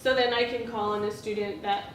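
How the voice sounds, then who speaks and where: In an echoey indoor room with a group, captured on a distant mic with faint noise, a woman rehearses a read-aloud lesson for colleagues. Her mid-range voice is steady and fairly quick as she asks questions and echoes responses encouragingly.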